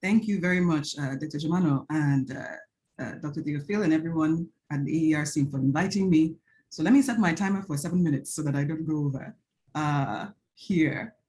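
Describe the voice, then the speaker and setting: The rough recording captures a Nigerian woman with a Nigerian accent, a researcher on an academic panel over video call. Her low, darkish voice moves briskly, and she earnestly tosses in "right?" and restarts her phrases as she thinks.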